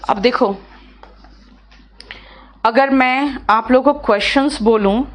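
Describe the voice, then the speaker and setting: A fairly high-voiced woman with an Indian accent teaches an English class in Hindi. She speaks patiently and reads example sentences slowly and deliberately. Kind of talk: live online class, answering student questions.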